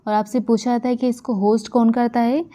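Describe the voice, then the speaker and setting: A woman from India delivers a current affairs lecture for exam prep, going back over key facts and using lots of fillers. Her voice is fairly high, level, warm, and fairly quick. The recording sounds dull and lo-fi.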